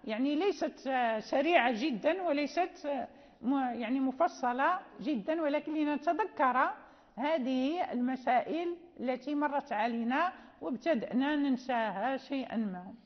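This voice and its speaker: A woman's voice: sits high, moderate pace. A woman with a Moroccan Arabic accent gives a patient, explanatory classroom lecture on Quran recitation and often checks in with her students. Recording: dull lo-fi sound with long hall reverb.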